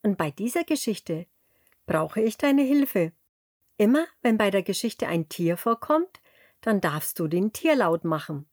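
A woman narrating a children's story, speaking slowly and clearly and addressing the young listener directly. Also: mid-range voice, sing-song, a little mellow, no echo, clean studio sound.

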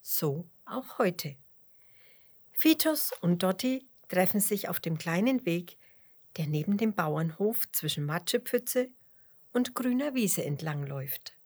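A woman reading a children's story in a soft, gentle, half-whispered way. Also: on the low side, very animated, slow, breathy edge. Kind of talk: children's bedtime story narration.

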